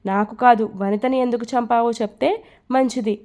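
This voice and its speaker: A mocking, stern male police officer interrogates with scoffing taunts, as a woman reads him out. The voice sits a touch high and mellow, in a plain storybook reading. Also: fairly even intonation, normal speed, close to an everyday voice.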